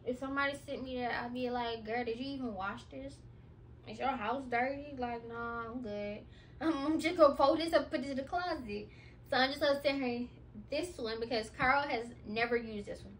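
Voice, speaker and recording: Slight background noise accompanies this chatty vlog, where a woman in her twenties talks to a floor-level camera while folding clothes and packing boxes in her nursery at home. Her voice is a little high and moves at a moderate pace.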